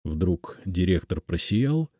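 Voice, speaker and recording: A man narrating a literary story for an audiobook in a measured, expressive reading. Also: low voice, no room sound, studio quality.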